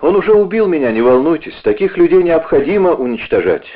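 A man voicing a tormented young man bent on revenge, confessing in halting, intense bursts. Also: fairly high pitch, big pitch swings, voice pushed up. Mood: bitter. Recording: narrow phone-like audio.

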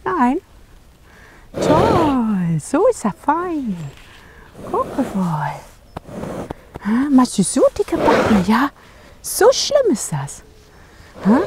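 A woman's voice: a little high, background noise. A woman horse trainer coaxing and soothing a horse during groundwork, praising it often and adding brief asides to the viewer. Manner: talks gently to the horse, with short asides to the viewer.

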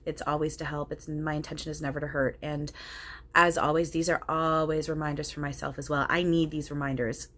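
A woman in her thirties, a spirit medium, chatting to viewers in an informal, earnest and halting way. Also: deep voice, level tone, a bit bright. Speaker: spirit medium and video host. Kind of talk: casual vlog chat. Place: home living room. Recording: noticeable background room noise.

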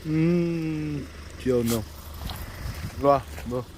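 A man's voice: a little high, takes it slowly, noisy background. A male delivery driver in a casual vlog, cooing and teasing two small dogs outdoors in baby talk. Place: outdoors at a house yard.

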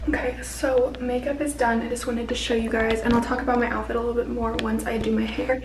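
A young woman chatting casually in a vlog with a bubbly, excitable sorority-girl manner, using lots of "like" and emphatic repeats. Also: on the high side. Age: young adult. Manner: frequent "like" and "literally". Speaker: vlogger. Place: small indoor rooms, bathroom and bedroom. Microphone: camera at arm's length. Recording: noisy handheld camera audio.

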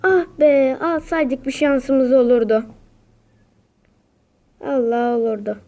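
A woman's voice: sits high, takes it slowly, mellow. A young woman giving casual, dramatic commentary while playing a video game, often exasperated and repeating her exclamations. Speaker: gaming video creator.

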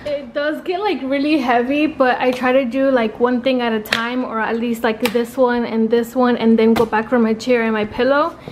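A woman's voice: on the high side, fairly even intonation, normal speed, hardly any pauses, background noise. A woman freelance makeup artist chatting casually in a vlog, full of "um" and "like". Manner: chatty, many fillers like "um" and "like".

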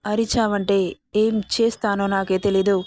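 A woman reads a cruel, domineering young rich man, a storybook villain who gives orders in a threatening, possessive, menacing way. His middle-pitched voice is a little mellow, flat, and a little slow. It sounds close and dry with no room sound, and it is lightly acted.

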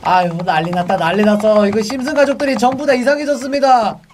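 A young man commentating a horror game for viewers, chatty and excitable, yelping and shouting when the game spooks him. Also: high voice, quick pace, distant mic, slight background noise. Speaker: game streamer.

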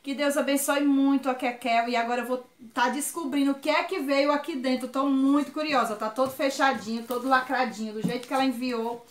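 A woman's voice: high-pitched, fairly even intonation, fairly quick, hardly any pauses, roomy sound. A woman from Ceará with a Northeastern Brazilian accent, chatting effusively and exclaiming often as she unboxes on her vlog. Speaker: vlogger.

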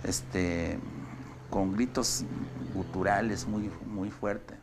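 A man's voice: on the low side, steady tone, drawn-out words, noisy background. A man, a traditional healer, earnestly recounting a personal story, repeating words as he goes. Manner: earnest, repeats words, acts out quoted dialogue.

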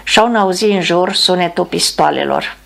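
Low, gravelly woman narrating an audiobook.

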